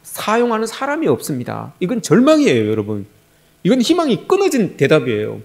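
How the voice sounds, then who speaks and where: A man's voice: sits high, huge pitch swings, fairly quick, gravelly. A male pastor preaching a sermon, often turning to the congregation with rhetorical questions.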